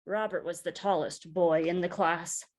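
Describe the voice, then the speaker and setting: A woman reads a children's picture book aloud, deliberate and expressive like a storyteller, her voice on the low side.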